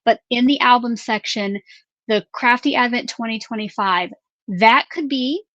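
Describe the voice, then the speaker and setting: A woman's voice: a little high, fairly bright tone, no echo, lo-fi sound. Upbeat woman hosting a craft live stream. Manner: upbeat, reads viewer names and questions aloud. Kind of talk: casual live-stream chat.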